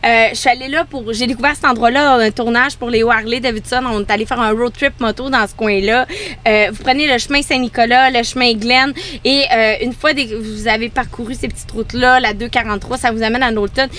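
A woman's voice: fairly high pitch, fairly even intonation, a little fast, a bit bright. A woman from Saguenay with a Quebec French accent, co-hosting a podcast and chatting enthusiastically about road-trip spots, laughing often. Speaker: podcast co-host. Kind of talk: casual chat recommending road trips. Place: on a pontoon boat.

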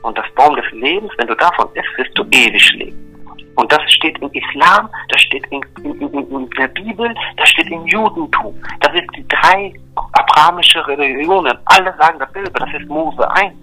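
Emphatic bright-voiced man explaining faith. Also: a little high, moderate pace, faint music behind, rough recording. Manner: emphatic, repetitive, checks in with "ja?" and "verstehst du?". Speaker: religious explainer. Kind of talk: earnest one-on-one religious explanation.

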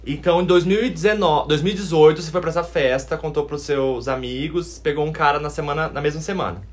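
A man's voice: a little high, fast. A man co-hosting a casual podcast, prompting the guest with questions. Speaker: podcast co-host. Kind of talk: casual chat.

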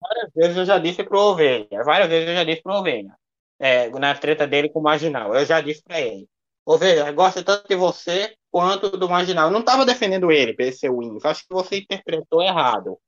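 A man's voice: fairly high pitch, expressive, a little fast, a bit bright. Defensive man on a muffled line. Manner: defensive, repeats phrases over and over. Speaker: guest on a livestream. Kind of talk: casual livestream debate.

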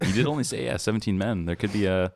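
A man's voice: fairly low pitch, very fast, gravelly, a little mellow, a little hiss or hum. A man chatting casually with friends as a podcast co-host, teasing in a laid-back, slangy, dry way.

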